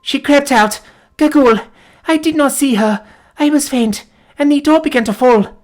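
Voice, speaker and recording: A woman speaks at a moderate pace in a high, slightly mellow voice, pitched above her natural one but still close to everyday speech. She plays a devoted young woman who is dying, delivering archaic, formal lines tenderly in faint, gasping breaths as her mood fades.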